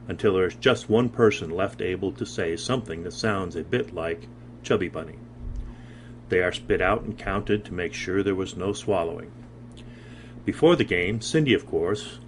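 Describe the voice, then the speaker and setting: A man describing a party game in a tribute, in a measured, explanatory way. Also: low-pitched, a little hiss or hum. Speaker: tribute speaker.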